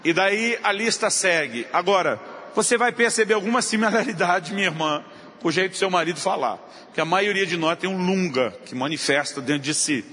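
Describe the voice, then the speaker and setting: Man, pastor, humorous sermon story, high voice, bright tone, echoing church hall, faint noise. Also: fairly quick. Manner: humorous, animated storytelling addressing congregation. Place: church before congregation.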